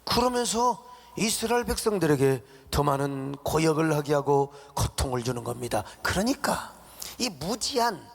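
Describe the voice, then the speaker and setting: A man's voice: on the high side, expressive, moderate pace, gravelly. A male pastor preaching an emphatic, dramatic sermon in a church. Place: church sanctuary. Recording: long church reverb.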